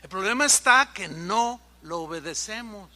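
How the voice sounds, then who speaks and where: A man's voice: high-pitched, lively intonation, normal speed, bright, forceful tone. A man preaching a sermon as pastor, telling stories with animation and acting out the voices of the people in them.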